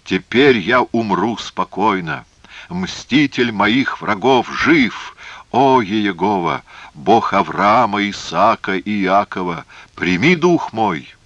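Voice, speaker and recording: A grave, noble warrior, given voice by a male audiobook reader, speaking slowly and with solemn insistence in a raised, bright tone. The recording is dry and a little dull. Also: lowish voice, expressive, no echo, pitched above the performer's own voice, full character voice.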